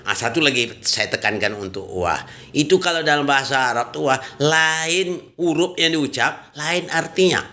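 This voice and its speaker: Bright-voiced male preacher, emphatic and colloquial. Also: on the high side, animated, moderate pace. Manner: colloquial, emphatic, many filler tags like "ya" and "nah". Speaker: religious preacher. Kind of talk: informal religious talk.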